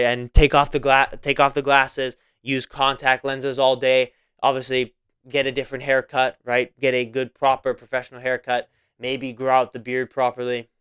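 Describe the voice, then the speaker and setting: A man's voice: medium pitch, fairly bright tone, clear, resonant tone. A man of about twenty hosting a casual solo podcast monologue, rambling and repeating himself with many fillers. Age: 20s. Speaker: podcast host.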